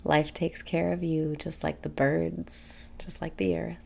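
A young woman guides a meditation in a low-pitched voice with heavy creak. She speaks very slowly and softly, breathing her phrases out soothingly and pausing between them. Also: little pitch movement. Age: young adult. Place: small room indoors.

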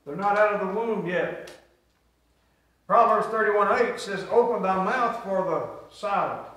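The distant, echoey recording catches a middle-aged pastor leading a call-and-response sermon in a small church sanctuary. His voice sits high with a sharp tone, and he keeps a measured pace.

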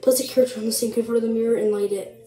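A young woman with a slightly high voice talks casually to her camera, full of fillers and mock-scared asides. She is at home in a bathroom, and the small room rings with echo. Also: steady tone, rapid-fire, warm tone. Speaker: vlogger. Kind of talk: casual vlog chat. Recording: echoey room.

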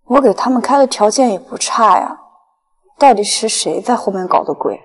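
A woman's voice: mid-range voice, animated, normal speed, breathy edge. An actress playing a betrayed, indignant young company chairwoman in a short drama, stern and defiant. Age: young adult. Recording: long hall-like reverb.

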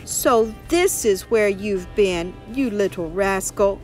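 A woman voicing an eager, affectionate little girl who gently scolds, in a children's storybook. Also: slow pace, faint music behind, natural voice. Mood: tender. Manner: excited, tender, high and expressive.

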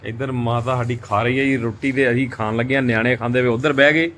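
A man's voice: mid-range voice, steady tone, fast talker, fairly bright tone, slight background noise. A man hosts a casual family vlog, chatting and politely addressing viewers. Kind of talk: casual home vlog chat. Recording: home vlog with busy background chatter.

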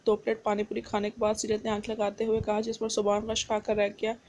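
Woman narrating a romance novel in a flat voice. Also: mid-range voice, fast. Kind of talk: reading a romance novel aloud.

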